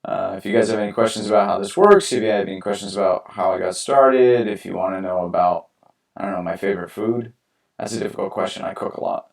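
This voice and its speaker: Low-voiced man chatting while painting, roomy. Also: fast, distant mic. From New York, USA. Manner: relaxed, rambling, many fillers and restarts. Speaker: artist streaming live. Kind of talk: casual live-stream painting talk. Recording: roomy sound from away from the mic.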